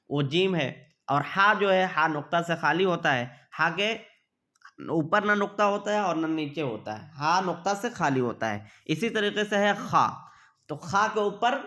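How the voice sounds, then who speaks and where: A man with a fairly high, fairly bright voice teaches a beginner's reading lesson. He patiently repeats each point, and his style is repetitive: he asks questions and then answers them himself.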